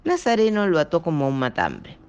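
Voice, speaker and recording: Gravelly, expressive male storyteller. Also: a little high, a little fast, lo-fi sound. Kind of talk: audiobook narration.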